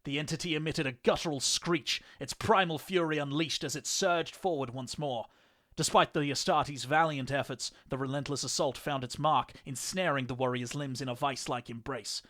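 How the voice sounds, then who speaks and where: A man reading an action fan fiction story aloud in measured, grandiose narration. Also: medium pitch, steady tone, fairly bright tone, no room sound.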